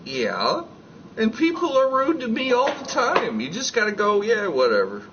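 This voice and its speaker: A man's voice: very high voice, moderate pace, muffled recording, noisy background. A man hosting a livestream, chatting casually and telling stories with plenty of swearing. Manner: profane, animated storyteller. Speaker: livestream host. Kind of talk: casual chat.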